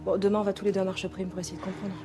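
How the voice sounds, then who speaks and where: An actress playing a decisive, businesslike police team leader in a TV crime drama. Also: female voice, medium pitch, level tone, natural voice. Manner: businesslike, brisk. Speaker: actor in a police series. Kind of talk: naturalistic TV crime drama acting. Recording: TV soundtrack with music underneath.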